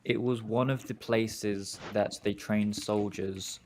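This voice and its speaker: A woman with an unusually deep voice narrates a tabletop game as its game master. She speaks slowly and evenly, with faint hiss in the background. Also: steady tone.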